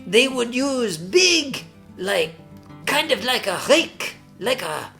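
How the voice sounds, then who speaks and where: A woman's voice: fairly high pitch, big pitch swings, takes it slowly, gravelly, sharp tone, heavily acted. A woman playing a jolly, theatrical chef, co-hosting a playful children's show. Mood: earnest, jolly. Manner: drops in French and Italian words. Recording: music behind the voice.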